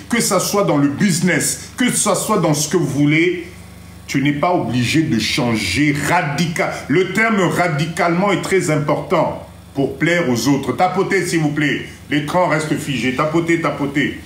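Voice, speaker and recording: A man with a fairly high voice hosts a motivational live stream. He talks in an animated way, drops into Lingala, and mimics other people. The sound is roomy and echoey. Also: measured pace, a little hiss or hum. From Congo-Kinshasa. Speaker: live stream host giving motivational advice.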